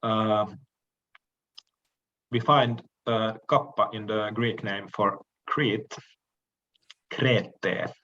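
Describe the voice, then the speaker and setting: A man delivering a recorded lecture in a slow, deliberate way, often stopping on hesitant fillers. His voice sits a little low, and the recording sounds dull and lo-fi. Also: fairly even intonation, bright, forceful tone. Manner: measured, frequent "uh" pauses, occasional throat clearing.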